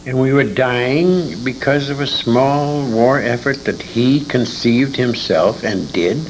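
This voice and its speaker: An older man and former radio performer reminisces as an interview guest, telling stories emphatically and with strong opinions and feeling. His voice is mid-range and he speaks slowly. The tape is a noisy amateur recording from a convention.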